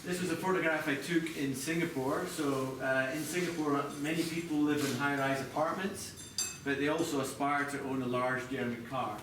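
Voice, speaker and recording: A chief TV product designer, a middle-aged Scotsman, presents live in an echoey room to an audience, recorded from a distance with clear background noise. His voice is fairly high and steady in tone, at normal speed with few pauses. He comes across conversational and hesitant, restarting sentences.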